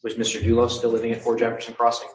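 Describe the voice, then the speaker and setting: A man, a prosecutor, questioning a witness in formal, measured tones, heard in a courtroom recording. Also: mid-range voice, completely flat delivery. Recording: echoey courtroom with faint noise.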